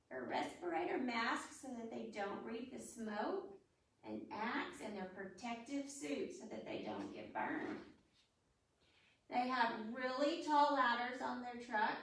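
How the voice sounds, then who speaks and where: Hosting a library storytime for young children, a woman with a fairly high, slightly bright voice explains things in simple, demonstrative phrases while she talks and reads aloud. There's a little hiss or hum, and the distant microphone picks up an echoey room.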